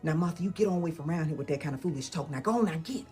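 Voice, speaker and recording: A woman voicing an excitable old-time Southern woman in a comic skit, with a put-on Southern US dialect and a drawl. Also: low voice, very fast, faint music behind. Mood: warning. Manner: drawling, exclaiming, half-sung.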